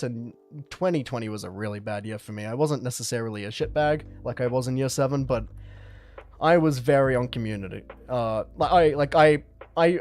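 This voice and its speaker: A man's voice: mid-range voice, a little mellow. A young man hosting a live stream, chatting casually and reflectively, often stumbling and restarting his sentences. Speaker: livestream host. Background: lo-fi music.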